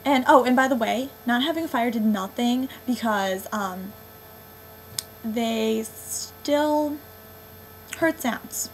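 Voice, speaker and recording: A woman's voice: fairly high pitch, takes it slowly, a little hiss or hum, low-quality recording. A young woman vlogging a casual movie review, sarcastic and exasperated, filling her talk with 'um' and 'like'.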